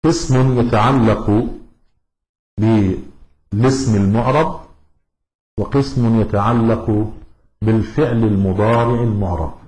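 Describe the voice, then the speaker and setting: A man teaching a grammar lesson, slow and deliberate, repeating each example word. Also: lowish voice, fairly even intonation, darkish tone. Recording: echoey room.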